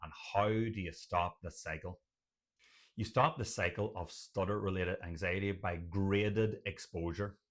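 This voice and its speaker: Speaking to camera, this Irish video host, a doctor who advocates for people who stutter, delivers motivational advice at a measured pace. His low-pitched voice holds a steady tone while he drives points home emphatically with list after list.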